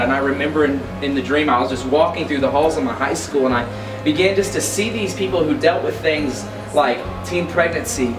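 A young man, a youth pastor, giving a short motivational talk to the camera, earnest and building to excited emphasis. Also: mid-range voice. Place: school locker room and long hallway, indoors. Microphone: camera a few steps away, no mic seen. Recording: roomy, distant sound with music underneath.

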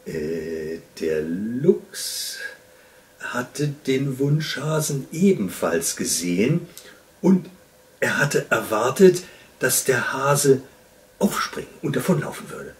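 A man reading a children's story aloud in an expressive, unhurried storytelling voice. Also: mid-range voice, distant mic.

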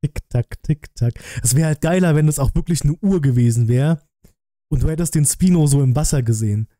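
A streamer reacting to a film review chats straight to his viewers in a very mellow, relaxed, fairly high-pitched voice at a brisk pace. He's wearing a headset and sits close to a desk mic in a small, dry room at his streaming setup, with no room sound.

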